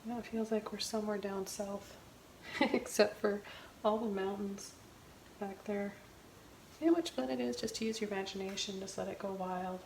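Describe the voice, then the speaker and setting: A woman giving a casual step-by-step painting tutorial as a gentle, easygoing instructor. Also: mid-range voice, fairly even intonation, fairly quick, gravelly. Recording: roomy echo, faint background noise.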